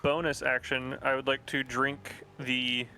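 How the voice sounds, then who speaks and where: Bright-voiced man playing a tabletop game. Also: medium pitch, level tone, unhurried, soft background music. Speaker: player.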